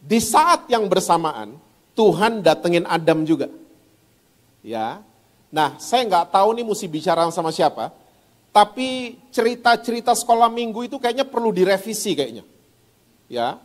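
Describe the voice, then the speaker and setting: A male pastor preaching a sermon in a church, lively and questioning the congregation. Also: sits high, normal speed. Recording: reverberant church hall.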